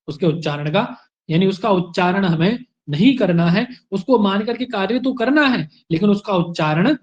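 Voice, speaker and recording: High-voiced man teaching grammar online. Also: a little mellow, dull audio. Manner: explanatory, asks and answers his own questions. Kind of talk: online exam-prep lecture.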